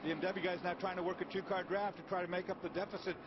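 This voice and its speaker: A man's voice: sits high, level tone, fast talker. A man giving expert analysis as a live motorsport commentator. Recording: dull broadcast audio over loud car noise. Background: loud race cars outdoors.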